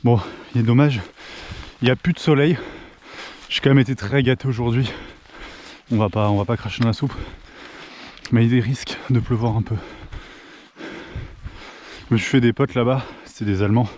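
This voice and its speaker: A man's voice: medium pitch, moderate pace, long pauses, darkish tone. A man from France filming himself on a mountain hike, chatting casually and thinking aloud with restarts. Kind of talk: casual vlog narration. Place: mountain trail outdoors. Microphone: handheld camera.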